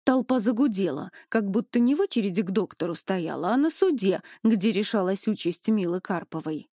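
Woman reading a story out loud, expressive, mid pitch, really dry close mic. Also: a little fast, dry recording. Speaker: audiobook narrator. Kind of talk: scripted narration.

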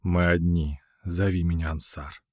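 A man voicing an angry, domineering dragon king who growls in a slow, hoarse way in an audiobook. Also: low voice, expressive, a little mellow, no echo, studio quality. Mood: low and intense. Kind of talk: audiobook character voice.

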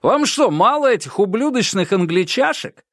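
A man voicing a sneering, high-voiced stage DJ. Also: very animated, fairly bright tone, no room sound, clean studio sound, full character voice. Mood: mocking. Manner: taunting, drawn-out mock questions. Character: sneering male stage DJ, contemptuous showman.

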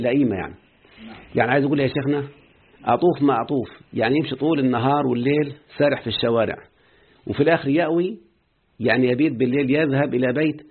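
Through muffled, phone-like lo-fi audio, a man with an Egyptian accent teaches Arabic grammar and often quizzes his students. His voice is mid-range with a breathy edge.

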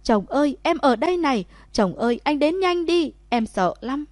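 A woman's voice: animated, moderate pace, a little mellow, no echo, lightly acted. A woman voicing a young wife in a storybook, emotional and outspoken toward her husband. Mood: frightened. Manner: emotional high calls. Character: young wife, frightened then scolding.

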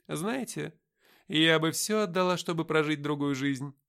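A man's voice: a little high, measured pace, gravelly, a bit bright, pitched above the performer's own voice. A man reading an audiobook voices a haughty, world-weary female angel who speaks in a commanding, solemn way.

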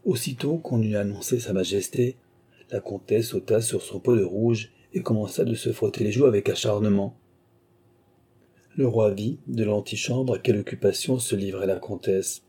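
Husky-voiced man reading a novel. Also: lowish voice, normal speed, mellow. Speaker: audiobook narrator. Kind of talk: scripted narration.

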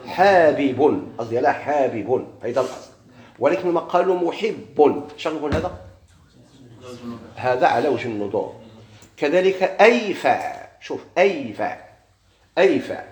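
A male grammar teacher with a Moroccan Arabic accent leads a classroom lesson in a roomy, echoing room. He questions his students again and again and stretches the example words out slowly. His voice sits at an ordinary middle pitch. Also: lively intonation, darkish tone.

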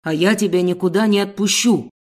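A woman voicing a furious, bullying middle-aged male boss who shouts and hurls crude insults. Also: medium pitch, lively intonation, normal speed, close to an everyday voice. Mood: snarling. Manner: shouting, snarling, hurling insults.

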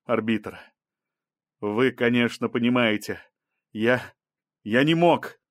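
A man's voice: mid-range voice, moderate pace, no echo, natural voice. A defensive male scientist on trial, as the narrator voices him, protesting and pleading in a slightly raised, tense voice. The reading is dry and close, with no room sound.

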